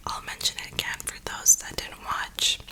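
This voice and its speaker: At a normal pace, a woman who makes ASMR videos and plays games whispers softly and breathily right up against the mic. Her ramble is sincere, thoughtful and encouraging.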